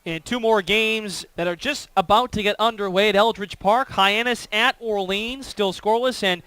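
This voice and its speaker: A man's voice: sits high, normal speed, pushed and bright, clear, resonant tone, dry recording. A man giving live sports commentary as a baseball color commentator and scoreboard reporter.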